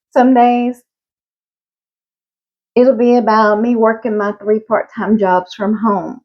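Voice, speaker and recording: This vlogger is a Southern US woman in her fifties with a matching accent, chatting candidly to camera and breaking into laughter between ideas. Her pitch sits fairly high, and the recording is muffled.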